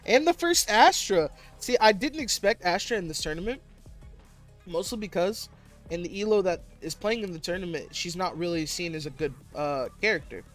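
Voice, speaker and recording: A fairly high-voiced man hosts a casual esports stream, chatty and quick to laugh, his pitch leaping when he gets excited. Faint game music plays under his voice. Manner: laughs often, animated jumps in pitch. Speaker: tournament host and caster.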